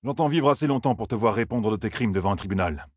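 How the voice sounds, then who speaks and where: A man voicing a bitter, vengeful male knight officer with a hoarse voice. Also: lowish voice, lively intonation, fast talker, dry recording, clean studio sound, voice pushed up. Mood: scornful.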